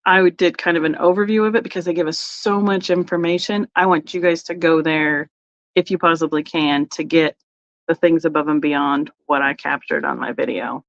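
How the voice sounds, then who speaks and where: A woman's voice: low voice, fairly even intonation, normal speed, muffled recording. A woman hosting a casual live-stream sale, rambling through her trip and greeting viewers by name.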